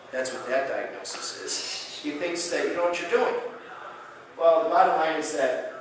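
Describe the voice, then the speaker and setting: A man's voice: on the high side, fairly bright tone. A man giving a conference lecture as a chiropractic speaker, telling patient stories and acting out both sides of the conversations. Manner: anecdotal, acts out dialogue in storytelling. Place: conference hall. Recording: echoey hall, distant mic, faint noise.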